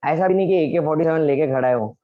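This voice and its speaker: A man's voice: fairly high pitch, fast talker, no echo. Rambling storytelling man, lo-fi. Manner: rambling, lively, mixes in English phrases, many fillers. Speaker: guest speaker. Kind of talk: anecdotal storytelling talk.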